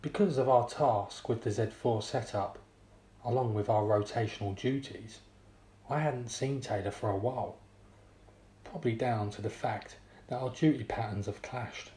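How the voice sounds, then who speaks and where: A man narrating a first-person story in a steady, descriptive reading. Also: medium pitch, normal speed. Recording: roomy echo.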